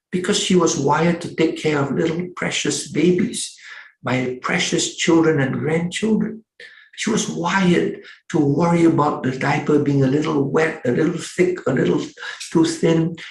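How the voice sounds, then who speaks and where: An older man teaching a seminary course in an animated, preacherly yet conversational way. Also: a little high, vocal fry, echoey room, poor audio. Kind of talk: teaching talk.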